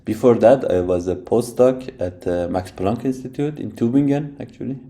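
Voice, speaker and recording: A man's voice: mid-range voice, moderate pace, mellow. A man from Iran, a robotics professor, talking through his background as a podcast guest, thoughtful and full of restarts. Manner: thoughtful, many restarts and "right?" tags. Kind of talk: casual interview talk.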